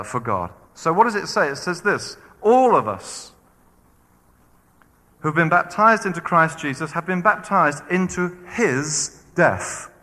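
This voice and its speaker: A man's voice: fairly high pitch, big-room sound. A man preaching a sermon, acting out quoted voices as he goes. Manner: animated, acts out quoted voices.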